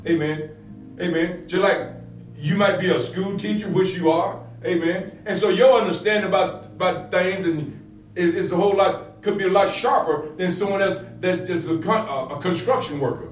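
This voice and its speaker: A man's voice: sits high, moderate pace. A middle-aged man, a pastor, teaching a Bible lesson, repeating phrases and building to emphatic peaks. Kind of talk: sermon-style Bible lesson. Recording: roomy, distant echo with faint music.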